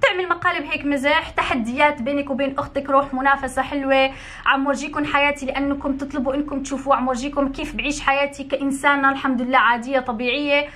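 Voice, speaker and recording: A woman's voice: high voice, steady tone, racing, fairly bright tone. A young adult woman from Morocco, a YouTuber speaking her mind to camera, emphatic and indignant, repeating points for stress. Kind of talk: talking-to-camera opinion vlog.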